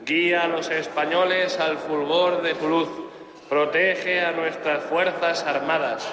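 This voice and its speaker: Casting: man as Mass celebrant, Castilian Spanish, measured solemn prayer, fairly high pitch, very echoey church acoustic. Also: steady tone, a crowd in the background. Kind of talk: liturgical prayer and blessing. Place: large echoing parish church. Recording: echoey church with long reverb.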